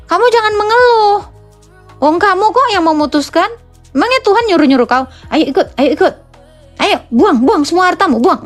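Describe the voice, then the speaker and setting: Super high-pitched lady apologist scolding folks on a stream, faint music behind. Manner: scolding, blunt, addresses listeners as Pak and kau. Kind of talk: live-stream preaching and debate.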